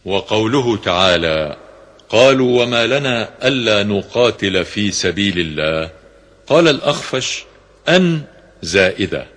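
A man reading a classical scripture commentary in a formal, measured way, slowing down for quoted verses, on a radio broadcast recording. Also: on the low side, lively intonation, fairly bright tone. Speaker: reader of Quran commentary.

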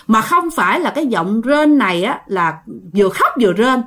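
A woman's voice: a little high, moderate pace. A woman telling a ghost story, speaking straight to her listeners. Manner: animated, addresses listeners directly.

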